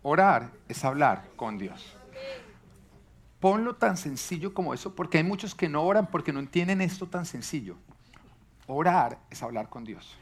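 A man's voice: a little high, normal speed. A man preaching a sermon to a congregation, asking them questions and joking along the way. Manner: lively, asks the congregation questions, jokes.

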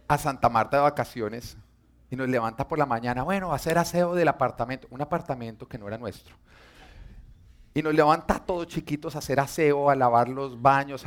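A man preaching a sermon and telling humorous stories, speaking directly to his audience in a playful, animated way. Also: mid-range voice.

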